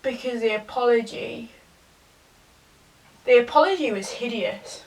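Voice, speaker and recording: A young woman, tipsy, giving a rambling, halting confessional rant to a camera some distance away. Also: on the high side. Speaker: vlogger. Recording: distant from the mic.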